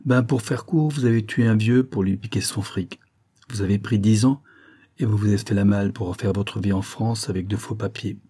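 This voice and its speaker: A man's voice: on the low side, steady tone, normal speed, mellow, slightly rough. A man voicing a blunt female police captain. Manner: blunt, slangy, matter-of-fact.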